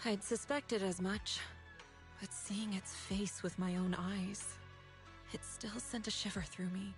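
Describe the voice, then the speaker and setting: A woman's voice: mid-range voice, fairly even intonation, a little slow, soft background music, close to an everyday voice. Actress as a composed female master. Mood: reflective. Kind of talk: anime-style game voice acting.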